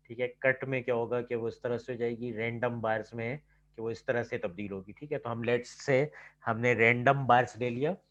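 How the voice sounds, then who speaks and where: A man teaching a computing lab on a video call, with a delivery that leans toward words. His voice sits at an ordinary mid pitch and goes through each step patiently, with a steady "okay" between points. The computer mic sounds slightly dull and muffled. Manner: explains step by step, says "ठीक है" constantly. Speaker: lab instructor. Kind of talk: online lab lecture. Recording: slightly dull online class audio.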